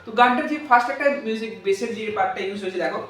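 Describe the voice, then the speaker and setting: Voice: mid-range voice, rapid-fire. A guitar teacher giving a casual spoken lesson, talking in a loose, repetitive way and checking in with the viewers. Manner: chatty, repetitive, checks in with "clear?"; hums and sings chord parts instead of words. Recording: echoey room, distant mic, loud guitar. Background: guitar and amp playing.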